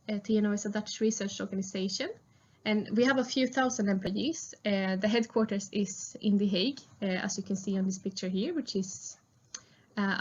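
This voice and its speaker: Swedish-accented young woman giving a talk. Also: medium pitch. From Sweden. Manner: friendly, frequent "uh" fillers. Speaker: research engineer presenting. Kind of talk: prerecorded conference talk. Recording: muffled lo-fi recording.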